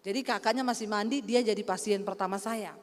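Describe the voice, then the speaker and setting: A woman's voice: mid-range voice, steady tone, brisk. A woman pastor preaching a sermon, telling stories with humor and frequent asides to the congregation. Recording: long reverb of a church hall.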